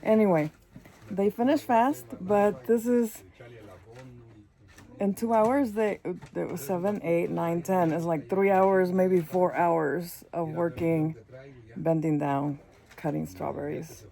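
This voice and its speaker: A woman vlogs outdoors in strawberry fields on a handheld phone, chatting and rambling in casual narration and switching into Spanish. Her voice is on the low side, dark and steady with vocal fry, and she takes it slowly.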